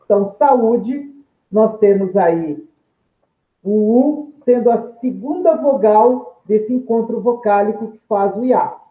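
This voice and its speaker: A teacher giving a deliberate grammar lesson and stressing each example word. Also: mid-range voice. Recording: tinny phone-like line in an echoey room.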